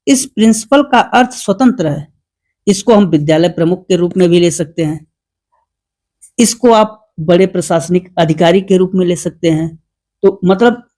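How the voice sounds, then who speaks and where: A teacher giving an online exam-prep lesson. They slowly read out quiz questions, then explain them, often asking the class a question and answering it themselves. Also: medium pitch, darkish tone.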